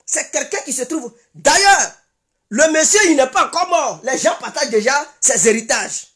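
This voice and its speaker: An Ivorian woman delivers a fiery political commentary straight to her viewers. Her high voice rises and falls dramatically as she hammers home the same insistent declarations again and again. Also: lively intonation, normal speed, fairly bright tone. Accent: Ivorian French. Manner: emphatic, repeats insistent declarations. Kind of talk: impassioned political commentary monologue.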